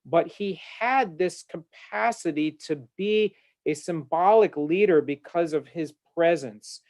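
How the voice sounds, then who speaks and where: He's a rabbi joining a discussion panel by video call from his home office, with a voice on the high side, a measured pace, and a slightly mellow quality. His manner is earnest and eloquent, peppered with filler "uh"s.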